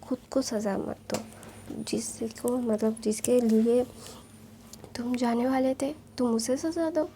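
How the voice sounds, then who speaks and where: A woman's voice: fairly high pitch, steady tone, takes it slowly, mellow, slight background noise. A woman voicing a protective, bossy queen mother in a told story, speaking in a conspiratorial way. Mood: advising.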